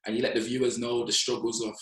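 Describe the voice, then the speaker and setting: A man's voice: mid-range voice, level tone, fast talker, fairly bright tone, roomy sound. A man with a London roadman accent speaking as a podcast guest in casual chat, opinionated and emphatic, full of slang. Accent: London roadman, urban slang.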